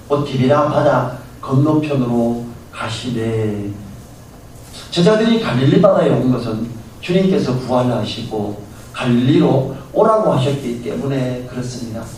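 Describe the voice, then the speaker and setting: A man's voice: medium pitch, a little mellow, a little hiss or hum. A male pastor giving a Sunday sermon in a storytelling manner, acting out the characters in his stories. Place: church sanctuary. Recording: very echoey church hall, mic far off.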